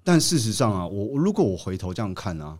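A man's voice: fairly low pitch, quick pace. A man, a podcast guest telling a story in casual chat and acting out the quotes. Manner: animated storyteller, acts out quotes.

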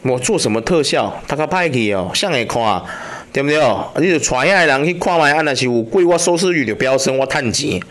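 A man's voice: medium pitch, fairly quick, few pauses. A man, hosting a podcast and telling ghost stories in casual, profane chat, often asking whether the listener follows. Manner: animated and profane, keeps asking "you know?". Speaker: podcast host.

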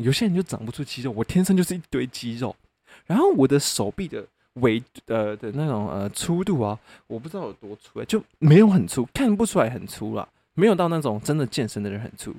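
Young Taiwanese male podcaster, swaggering storyteller, very animated delivery, dry close sound, salty language. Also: mid-range voice, vocal fry, slightly rough, dry recording. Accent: Taiwanese Mandarin. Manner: animated, swears often, laughs mid-sentence. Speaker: podcast host. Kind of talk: casual solo storytelling.

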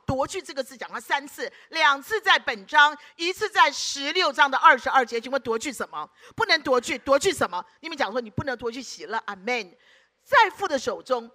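A woman preacher delivers a sermon in a high, bright, forceful voice. She speaks emphatically and keeps putting rhetorical questions to the congregation to check they are following.

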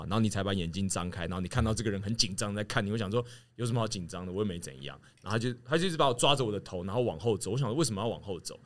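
Fast-talking animated man. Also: on the low side. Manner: animated, laughs while telling, acts out quotes. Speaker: podcast guest telling a story. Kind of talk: casual storytelling chat.

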